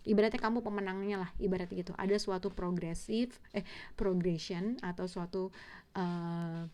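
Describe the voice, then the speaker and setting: A woman's voice: mid-range voice, dark tone. A woman giving a casual tarot reading, rambling with many fillers and restarts and mixing in English words. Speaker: tarot reader.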